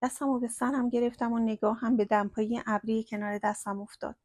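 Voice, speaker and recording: A woman narrating a first-person story in a slow, hushed storytelling manner. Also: a little high, fairly even intonation, no echo, studio quality.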